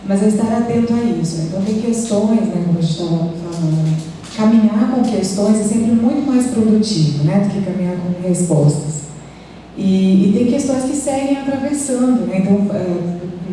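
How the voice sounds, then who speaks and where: A woman's voice: medium pitch, mellow. A Brazilian woman on an academic panel, talking in a reflective way with many hesitations and tag questions. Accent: Brazilian Portuguese. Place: university amphitheater. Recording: echoey hall, distant mic, faint noise.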